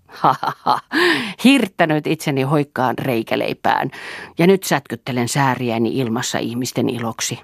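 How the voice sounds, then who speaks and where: A woman's voice: extremely low pitch, creaky, dry recording, studio quality, exaggerated voice. A woman reading the part of a bitter, weary young man in a literary audiobook, speaking hard and sardonic.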